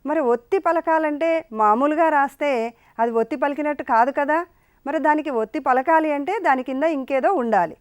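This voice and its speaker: A woman's voice: high-pitched, brisk, dry recording, clean studio sound. A woman teaching a school lesson to children. She asks the pupils questions, coaxing them patiently through each point. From India.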